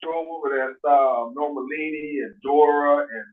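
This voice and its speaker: Man, slightly high voice, rambling caller heard over a crackly, fading, tinny phone line. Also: steady tone, moderate pace, recorded from a distance. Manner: rambling, with many fillers and restarts. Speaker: community member reporting to a meeting. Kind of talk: casual call-in chat.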